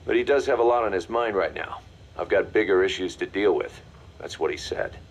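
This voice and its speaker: An actor playing a mercenary second-in-command in a video game, briefing in a confident, matter-of-fact, commanding way. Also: male voice, deep voice, a little fast, slight background noise. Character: brisk, hard-nosed male mercenary second-in-command. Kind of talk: video game voice acting, mission briefing dialogue.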